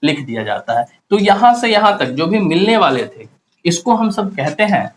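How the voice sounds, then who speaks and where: A man's voice: high voice, sing-song, moderate pace, low-quality recording. A male chemistry teacher, giving a classroom lecture and asking and answering his own questions as he explains step by step.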